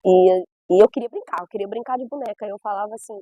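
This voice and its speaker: A woman's voice: medium pitch, quick pace, warm tone, no room sound, lo-fi sound. A middle-aged woman from Brazil's Northeast, a gospel singer giving her testimony in an emphatic, storytelling way with repeated phrases. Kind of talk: personal testimony.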